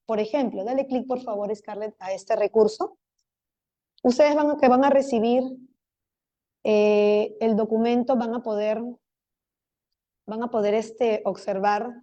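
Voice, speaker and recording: A woman's voice: on the high side, dark tone, muffled recording. A woman giving a conference lecture to teachers. She keeps putting rhetorical questions to the audience and walks them through each step. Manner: talks teachers through steps. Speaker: lecturer on learning difficulties.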